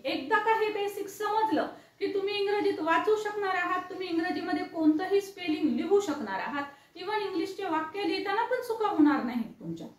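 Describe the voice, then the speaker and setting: A woman with a very high voice explains English letter sounds like a patient teacher. She spells out each letter and repeats the sound, stopping to ask "right?". Her voice echoes in the room and sits some distance from the mic. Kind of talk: classroom-style explainer lesson.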